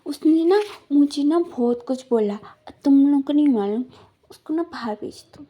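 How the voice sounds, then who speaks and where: A woman's voice: sits high, expressive, moderate pace, mellow. A woman voicing an angry elder brother. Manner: heated, defensive.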